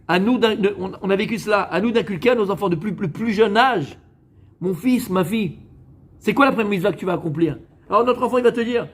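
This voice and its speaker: A man's voice sitting high carries this spirited, joking sermon from a French rabbi to a live audience. He addresses them directly, working Hebrew religious words into what he says.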